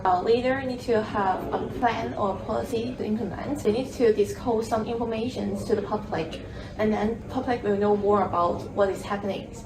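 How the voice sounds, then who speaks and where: Young woman in echoey hall. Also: medium pitch. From Hong Kong. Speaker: student presenter. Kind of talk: student panel discussion. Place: university auditorium. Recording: echoey auditorium, distant mic, noisy.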